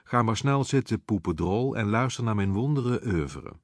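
A man's voice: lowish voice, animated, moderate pace, no echo, studio quality, voice pushed up. A man voicing a flamboyant, mocking drag queen in an audiobook, with a sing-song, teasing delivery. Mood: camp teasing. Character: camp, mocking drag queen on a bar stage. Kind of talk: audiobook character voice.

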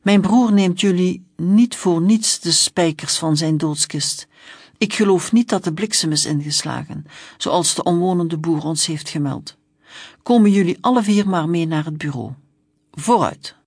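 A storyteller voicing a gruff, scornful young male gendarme who accuses and snaps at children. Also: medium pitch, measured pace, darkish tone, no echo, studio quality. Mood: accusing. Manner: accusing, snapping and growling.

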